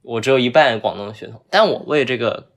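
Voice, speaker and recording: A man's voice: medium pitch, a little fast. A man from southern China with a northern-tinged southern Chinese accent, chatting casually and explaining things as a podcast host. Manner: bantering, explanatory.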